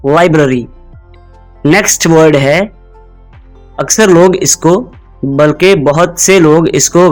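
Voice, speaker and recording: Man teaching pronunciation over soft music. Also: a little high, low-quality recording. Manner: drills words slowly, repeats them, asks viewers to repeat. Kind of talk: instructional explainer.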